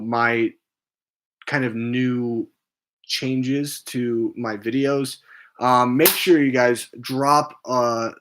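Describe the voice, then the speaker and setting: A man's voice: mid-range voice, fairly bright tone. A man hosting a casual game stream for his movie channel, rambling with lots of ums and restarts and sounding tired. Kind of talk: casual gaming stream chat.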